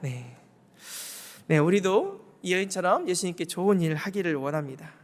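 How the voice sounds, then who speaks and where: A man's voice: high voice, very animated, moderate pace. A male pastor preaching a sermon, telling the story vividly and asking the congregation questions. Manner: storytelling, acting out quotes, asks the congregation questions. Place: church sanctuary. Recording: long hall reverb.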